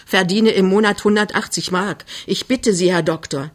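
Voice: mid-range voice, moderate pace, natural voice. A reader doing a flustered, stammering young husband. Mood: pleading. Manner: hasty and stammering. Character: young clerk, shy, anxious and flustered.

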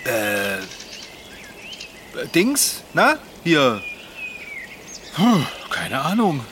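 A man's voice: on the high side, wildly swooping pitch, extremely slow, a bit bright, slight background noise, exaggerated voice. An actor playing a confused man with no memory who stammers and giggles nervously, in a children's radio play. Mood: bewildered. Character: bewildered man with no memory, bike mechanic. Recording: outdoor nature ambience behind.

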